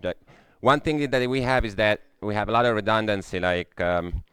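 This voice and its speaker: A young Italian conference speaker gives a technical talk in a lecture room, often pausing on "uh" and restarting sentences. His low, deep voice comes through smooth and clear with a fairly bright tone. The recording is close and dry, with little room sound.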